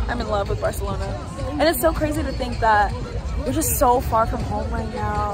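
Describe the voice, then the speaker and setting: A woman vlogging her travels in a chatty, upbeat way, talking to her viewers on a phone camera outdoors. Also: a little high. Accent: Haitian-American. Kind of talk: casual travel vlog.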